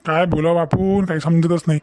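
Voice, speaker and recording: A man's voice: fairly high pitch, steady tone, brisk, darkish tone, no echo, close to an everyday voice. A man voicing an exasperated middle-aged village father in a cartoon. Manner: rambling, exasperated. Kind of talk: cartoon voice acting.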